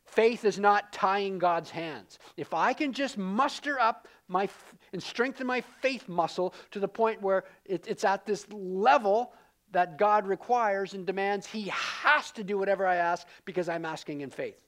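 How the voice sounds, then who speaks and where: A man's voice: sits high, a little slow, fairly bright tone. A man teaching a casual Bible class who repeats his key points and speaks straight to the people in front of him.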